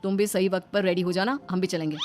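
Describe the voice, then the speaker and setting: A woman's voice: on the low side, steady tone, quick pace, darkish tone, faint music behind, close to an everyday voice. A woman voicing a weary, exasperated young husband in a family moral story. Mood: casual. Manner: weary, complaining. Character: exasperated young husband of a film-crazed wife.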